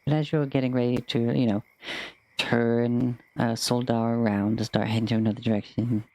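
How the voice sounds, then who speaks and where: Game master, gravelly mid-pitched voice, casual stream narration, hesitant, informal. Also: level tone, moderate pace, dark tone, poor audio.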